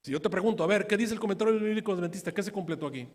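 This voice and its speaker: A man preaching a Bible study, firing rhetorical questions at his listeners and swinging between emphatic bursts and quiet asides. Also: high-pitched, rapid-fire. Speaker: preacher teaching prophecy. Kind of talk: sermon-style Bible study. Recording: long hall reverb.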